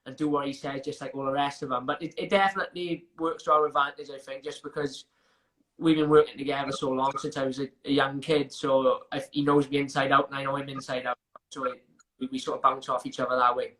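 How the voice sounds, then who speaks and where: A man's voice: medium pitch, level tone, fast talker, a bit bright. A young man with a Welsh accent, an MMA fighter chatting in an interview, talking in loose, restarting sentences and laughing through his stories. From Wales. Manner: chatty, frequent restarts and fillers, laughs while telling stories. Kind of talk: casual interview chat.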